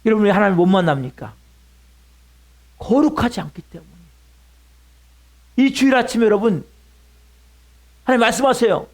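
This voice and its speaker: Middle-aged male pastor, high voice, wide swings in pitch, emphatic sermon delivery that drops to hushed lines. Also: animated, normal speed, long pauses. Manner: emphatic preaching with rhetorical questions, sudden drops to a hush.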